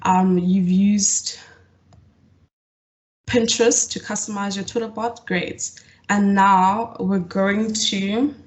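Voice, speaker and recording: A young woman facilitating an online coding workshop over a video call, often pausing with fillers and restarting her sentences. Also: mid-range voice. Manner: hesitant, lots of fillers and restarts. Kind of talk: live online coding tutorial.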